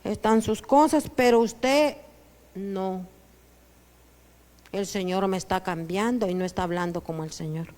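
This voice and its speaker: A woman pastor with a Honduran Spanish accent, preaching a sermon that swings between soft asides and loud declarations. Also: mid-range voice, measured pace, pauses often. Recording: church hall with long reverb.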